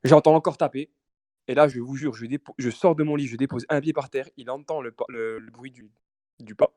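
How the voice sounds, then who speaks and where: A man's voice: mid-range voice, brisk, dry recording, studio quality. A young man, telling a story animatedly in a casual podcast chat. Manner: animated, repetitive restarts, laughing asides.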